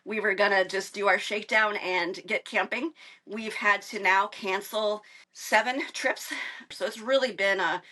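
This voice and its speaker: A woman's voice: medium pitch, fairly even intonation, a little slow, bright, forceful tone. A woman giving an earnest testimonial as an RV owner, worried and strained. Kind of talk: testimonial to camera.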